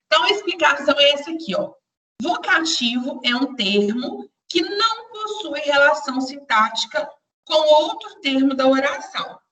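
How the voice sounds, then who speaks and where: A woman's voice: high-pitched, lively intonation, moderate pace, a bit bright, distant mic. A woman teaching a live online grammar class, patiently repeating explanations and speaking straight to her students. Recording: roomy echo, voice away from the mic.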